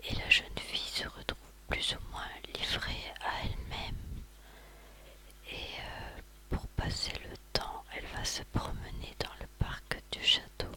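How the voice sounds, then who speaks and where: ASMR host, hushed library whisper, unhurried and sharp-edged, slightly halting storytelling. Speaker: ASMR video host recounting favourite books and films.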